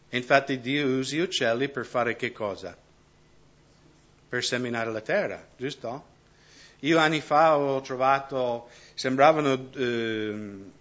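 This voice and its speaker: A man preaching a conversational sermon who keeps checking in with the congregation with quick tag questions. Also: mid-range voice, fairly bright tone, muffled recording. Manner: keeps asking the congregation "no?" and "giusto?".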